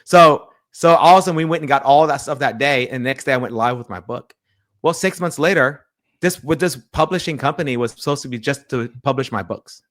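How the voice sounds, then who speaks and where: A man recounting events to an interviewer in a relaxed, conversational way. He slips into the voices of the people he quotes and often repeats words as he restarts sentences. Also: medium pitch, fairly quick. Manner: animated retelling with quoted dialogue and frequent restarts. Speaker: pastor and publisher, interview guest. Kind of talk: storytelling in a casual interview.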